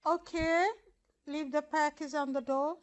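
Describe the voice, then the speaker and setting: A woman's voice: high voice, fairly even intonation, a little slow, slight background noise. A woman's voice heard back through a doorbell speaker in a two-way talk test, saying short, clipped test phrases. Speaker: product reviewer. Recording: dull, distant doorbell speaker sound.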